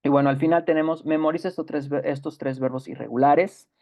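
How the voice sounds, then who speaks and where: Gravelly man teaching English. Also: fairly high pitch, steady tone, dull audio. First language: Spanish. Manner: explains patiently, repeats example words slowly; many fillers and self-corrections. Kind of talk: online grammar lesson.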